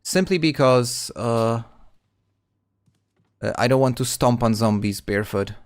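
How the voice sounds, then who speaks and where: A man's voice: medium pitch, unhurried, no room sound, clean studio sound. A man casually commenting on his gameplay stream, chatting with viewers and often restarting words.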